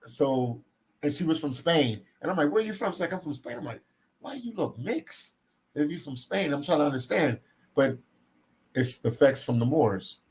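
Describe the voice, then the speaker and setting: A man's voice: on the high side, expressive, moderate pace, slightly rough. A man hosting a casual live stream, reading viewer comments aloud and teasing his co-host. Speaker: livestream host reading chat. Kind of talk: casual livestream chat.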